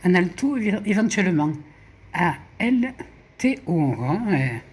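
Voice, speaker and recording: A woman's voice: on the low side, very animated, measured pace, a little mellow, breathy edge. A woman chatting casually at home, muttering letters and numbers to herself as she works through puzzle games and mocks her own mistakes. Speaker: YouTuber. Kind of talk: casual chat while playing puzzle games.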